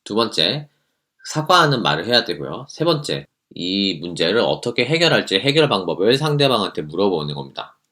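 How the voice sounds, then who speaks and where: A man teaching a lively lesson, playful and asking the viewer questions as he explains. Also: lowish voice, a little fast. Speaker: teacher explaining how to apologize.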